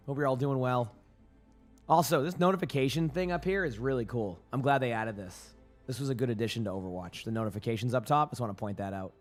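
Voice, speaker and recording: A male streamer with a medium-pitched, hoarse voice chats casually with his live chat. He rambles and restarts his sentences a lot.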